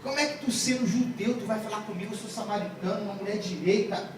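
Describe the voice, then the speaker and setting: A man's voice: high-pitched, fast, natural voice. A man doing an indignant, proud woman. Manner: mock-outraged. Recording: very echoey room, distant mic, faint noise.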